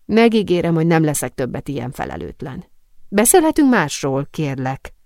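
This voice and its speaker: Playful, impatient young cousin, voiced by a woman; low, warm, dry close recording. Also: very animated, gravelly, no room sound, full character voice. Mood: curious. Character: young woman cousin, lively, teasing and curious.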